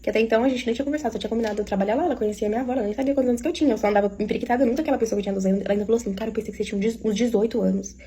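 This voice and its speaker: A woman's voice: fairly high pitch, rapid-fire, few pauses, warm tone, slight background noise. A woman with a Minas Gerais accent telling her own story to her audience in a casual, confiding way and often speaking to the listeners directly. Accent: Minas Gerais Portuguese.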